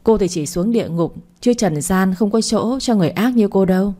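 Male policeman, scornful, scolding, mellow, woman narrator. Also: medium pitch, a little fast, lightly acted. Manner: scolding, contemptuous.

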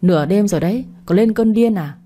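A woman's voice: mid-range voice, brisk, warm tone, natural voice. A woman voicing a young male policeman who scolds with contempt. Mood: scornful.

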